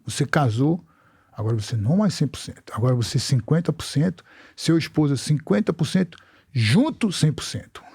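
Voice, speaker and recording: A man's voice: on the high side, expressive, creaky, darkish tone, slightly rough, no echo, exaggerated voice. A man doing a blunt, stern old father. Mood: earnest lecturing. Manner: blunt, halting broken grammar. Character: stern older father, blunt traditional advice-giver.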